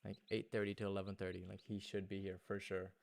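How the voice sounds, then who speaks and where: While livestreaming a hunting game, a man whose first language is German chats casually with viewers and thinks aloud. His voice is deep and gravelly, with a flat delivery and a quick pace.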